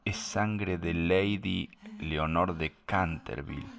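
A man voicing an old, mysterious housekeeper in a slow, hushed, mysterious manner, over background music. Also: low-pitched, lively intonation. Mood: ominous. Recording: music playing underneath.

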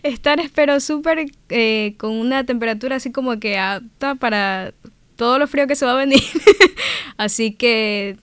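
A woman's voice: on the high side, unhurried, a bit bright, smooth, no room sound. A young Ecuadorian woman in her twenties, a cheerful exchange student who laughs often while answering radio interview questions. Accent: Ecuadorian Spanish. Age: 20s.

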